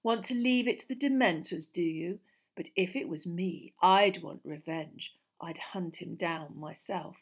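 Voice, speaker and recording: A woman's voice: lowish voice, measured pace. Woman as Malfoy, a sly, sneering schoolboy. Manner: quiet, breathy, drawling taunts. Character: mean, sneering schoolboy bully, sly and taunting.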